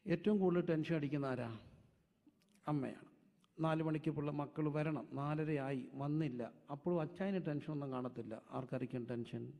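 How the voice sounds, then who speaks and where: Pastor preaching in echoing hall. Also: male voice, mid-range voice. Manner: asks the congregation questions and answers them himself; swings between soft asides and loud emphatic peaks. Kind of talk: sermon. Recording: dull lo-fi sound with long hall reverb.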